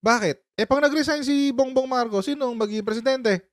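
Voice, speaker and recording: A man hosting a casual political commentary livestream, animated, laughing often and mixing English into his talk. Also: extremely high pitch, brisk.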